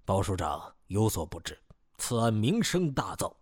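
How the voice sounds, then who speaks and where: A man doing a gushing flatterer. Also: on the low side, normal speed, breathy edge, no room sound, studio quality. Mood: flattering. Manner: effusive, flattering.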